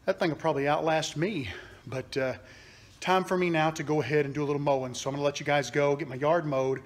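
A workshop vlogger in his forties talks fast in a fairly high, steady male voice. Filming a rambling DIY vlog outdoors in his backyard and garage on a phone held at arm's length, he chats casually, full of fillers and restarts.

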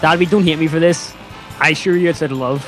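A man's voice: on the high side, fairly even intonation, quick pace, fairly bright tone. A man teasing his friends in a mock-dramatic way while playing a racing game. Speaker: gamer. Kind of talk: casual gaming chat. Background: game music.

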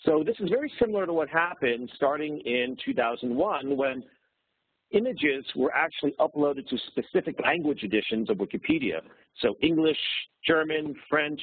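Man, presenter on phone, husky, dry tinny sound. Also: on the high side, no room sound. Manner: steady, explaining, with fillers. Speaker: webinar presenter. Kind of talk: explanatory presentation.

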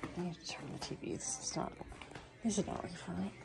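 Indoors at home, a woman who rehabs opossums chats offhandedly while cleaning and feeding them, talking to the animals and swearing casually, like a relaxed vlog. Her voice is lowish, steady and gravelly, and she talks briskly.

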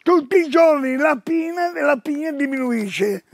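Loud older salesman with a gravelly high voice. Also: expressive, unhurried, dry recording. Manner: loud, exclamatory, keeps calling out to viewers. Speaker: TV shopping presenter. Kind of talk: live store sales pitch. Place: shop floor.

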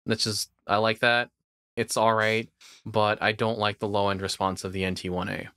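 Bright, crisp-voiced opinionated man. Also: fairly low pitch, little pitch movement, moderate pace, no room sound, studio quality. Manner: opinionated, rambling about audio gear. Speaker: podcast co-host. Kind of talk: casual podcast chat.

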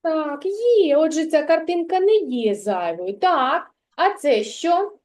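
Slow, high-voiced kindergarten teacher. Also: female voice, lively intonation, a little mellow. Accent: Ukrainian. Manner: drawn-out, sing-song word modelling for a child. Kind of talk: slow, patient preschool literacy lesson.

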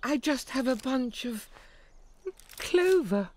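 A woman voicing a meek small rabbit in an animated film, soft and timid. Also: high-pitched, takes it slowly, full character voice.

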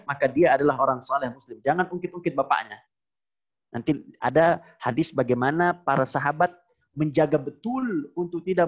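A man preaching a religious lecture, telling stories and acting out quoted lines with sudden jumps in pitch, speaking directly to his congregation. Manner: addresses the audience directly as "Bapak Ibu". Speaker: Islamic preacher. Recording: dull lo-fi lecture recording.

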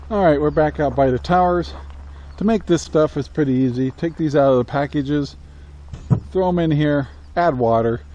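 This older American man has a medium-pitched, dark voice, captured on dull audio with a bit of background noise. He's an easygoing homesteading vlogger rambling through a casual how-to with many "uh" fillers, holding the camera at arm's length as he moves between his yard and a greenhouse.

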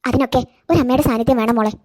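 A woman voicing a tender, self-sacrificing grandmother in a cartoon, gentle and coaxing. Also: a little high, very fast, pitched below the performer's own voice, natural voice. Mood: sad. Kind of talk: cartoon voice acting.

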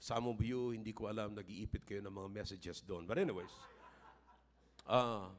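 An older Filipino-accented pastor preaches at a normal speed in a lowish voice. His sermon moves between raised, emphatic appeals and relaxed personal stories.

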